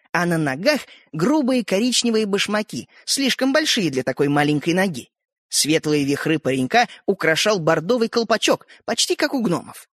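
A man narrating a children's story in an expressive, animated way. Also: sits high, no room sound, studio quality.

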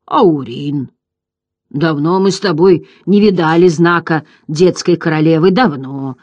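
A reader voicing an ancient giant female turtle, hoarse and gurgling, who drawls slowly and sinks into whispers. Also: medium pitch, a little mellow, no room sound, dull audio, natural voice. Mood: weary, indifferent. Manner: slow, drawling, fading to whispers. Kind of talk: audiobook character voice.

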